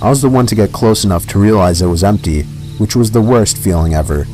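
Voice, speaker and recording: Male narrator, lowish voice, measured first-person horror narration, faint music bed. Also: warm tone, poor audio.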